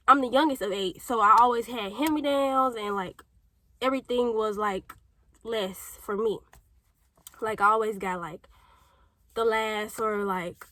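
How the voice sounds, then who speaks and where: The poor audio carries a fairly high, bright and forceful voice as the young St. Louis vlogger talks casually to camera about her own story. Her local accent is clear, she's a bit congested from a cold, and she wanders through tangents with plenty of fillers.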